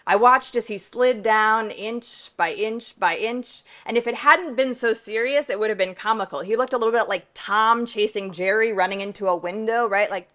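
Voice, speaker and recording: A woman pastor telling a true story to a live audience, conversational and emphatic, often tagging "right?" and dropping to a hush for effect. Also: on the high side, normal speed, hardly any pauses.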